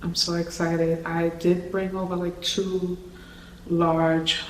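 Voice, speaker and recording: A young vlogger talks slowly and evenly, overflowing with excitement during an apartment tour. The voice bounces around the bare walls of an empty, unfurnished room and sounds a little distant from the mic, with a faint hum of ambience behind it. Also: mid-range voice. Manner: gushing, overwhelmed with excitement. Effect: echo of an empty, unfurnished room. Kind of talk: casual vlog apartment tour. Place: empty studio apartment indoors.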